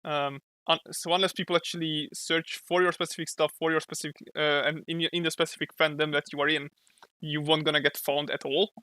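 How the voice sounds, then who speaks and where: A man's voice: fairly high pitch, little pitch movement, fairly quick, bright, forceful tone, no echo. A young man from Hungary with a Hungarian accent, chatting casually on a livestream while he draws, thinking aloud and sometimes searching for English words. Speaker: streamer and comic artist.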